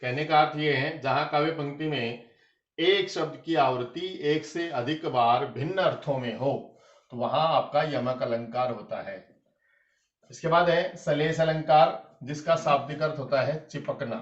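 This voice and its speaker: A man teaching a grammar lesson for exam preparation, explaining step by step and slowing down to recite lines of verse. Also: a little high. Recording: echoey room, dull lo-fi sound.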